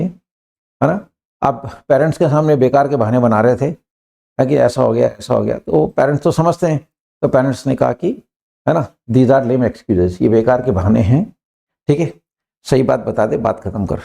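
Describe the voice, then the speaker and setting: A man teaching English phrases in Hindi, stretching the English examples out slowly and often adding "है ना". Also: mid-range voice, gravelly, warm tone. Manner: slow, drawn-out when saying English examples; repeats fillers like "है ना" and "मतलब".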